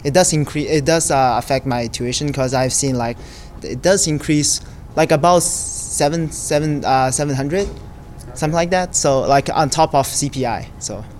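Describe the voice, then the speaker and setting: A man's voice: fairly high pitch, normal speed, a little mellow, a little hiss or hum. A young male student from Taiwan answering interview questions hesitantly, with many uhs and likes. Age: young adult.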